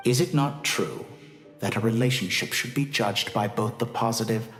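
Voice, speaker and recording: An actor with a lowish male voice plays an arrogant, calm mad scientist villain in a video game, speaking in a pompous, deliberate, theatrical way. His mood is silky and amused, and the sound is roomy with soft background music.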